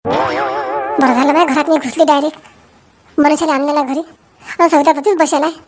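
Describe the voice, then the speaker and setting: A woman with a Varhadi Marathi accent, voicing her cartoon persona and speaking briskly and sharply to the audience. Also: sits high, fairly even intonation, over music. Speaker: cartoon channel host. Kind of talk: scripted cartoon narration with audience address.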